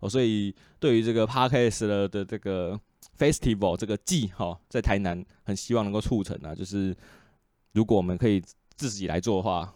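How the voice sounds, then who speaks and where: A man with a Taiwanese Mandarin accent hosting a podcast, talking in a relaxed, chatty way full of fillers. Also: on the low side, no room sound, studio quality. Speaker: podcast host. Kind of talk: casual podcast chat.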